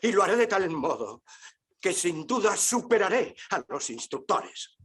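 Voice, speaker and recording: Raspy bitter old merchant, vengeful, husky dub voice, pitch swings wide, grim declamation. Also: male voice, sing-song, unhurried, a bit bright, exaggerated voice. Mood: defiant, vengeful. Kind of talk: dubbed film drama.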